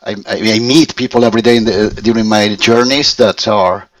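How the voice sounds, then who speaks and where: A man's voice: on the low side, fairly even intonation, fairly bright tone, no echo, recorded from a distance, poor audio. Man, fifties, spanish accent, hesitant restarts, dry sound a bit off mic. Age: 50s. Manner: halting, searching for words with many restarts. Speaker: language student. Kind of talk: conversational English lesson.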